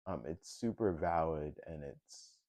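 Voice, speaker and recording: A man's voice: rumbling low, measured pace, darkish tone, no echo. A young man talking in a casual personal vlog, hesitant, with many fillers and restarts. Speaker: vlogger.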